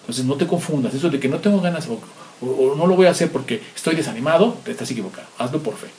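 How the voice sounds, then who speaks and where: A man's voice: mid-range voice, lively intonation, rapid-fire, a little mellow, slight background noise. A man, a pastor delivering a sermon full of rhetorical questions and acted-out everyday examples.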